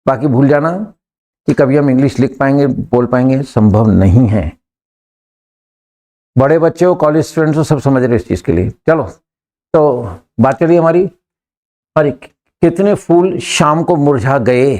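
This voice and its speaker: A man's voice: medium pitch, lively intonation, normal speed, long pauses, dark tone. A man teaching in a classroom, drilling his students on sentences and coaxing them to answer and repeat. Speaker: English teacher.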